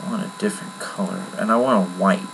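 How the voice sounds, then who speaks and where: A man giving a casual, rambling screen-recorded software tutorial from his computer at home, with many fillers. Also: low voice, steady tone, fast, gravelly, noisy background. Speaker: tutorial maker.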